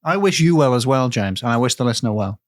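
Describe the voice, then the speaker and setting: A man's voice: mid-range voice, lively intonation, quick pace, no echo, clean studio sound. Bunged-up man joking on a podcast. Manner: playful, jokey, breaks into laughter. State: bunged up with a cold. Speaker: podcast co-host. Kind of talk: casual comedic chat.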